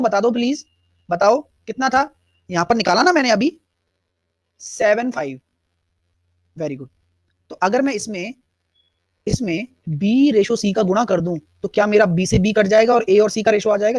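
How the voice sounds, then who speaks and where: A man's voice: sits high, no room sound. A man teaching a live online math class, explaining step by step and answering students' chat questions. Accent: Hindi-English mix.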